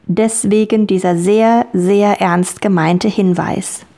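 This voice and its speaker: Slow, soothing woman guiding a dream journey. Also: mid-range voice. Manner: slow, calm, soothing and repetitive. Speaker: guided relaxation guide for children. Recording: soft music bed. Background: soft music.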